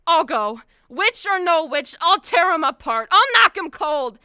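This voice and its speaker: A woman's voice: very high-pitched, sing-song, a little slow, bright, forceful tone, dry recording, studio quality, heavily acted. A teenage girl playing a boastful but timid lion in a stage play, blustery and dramatic. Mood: blustering. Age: teens. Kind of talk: high school stage play acting.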